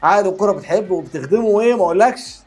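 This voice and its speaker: Egyptian man, football reaction host, very high animated voice, quick talker, music underneath. Keep it excitable and repetitive. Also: husky. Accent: Egyptian Arabic. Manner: animated, exclaiming, repeats words.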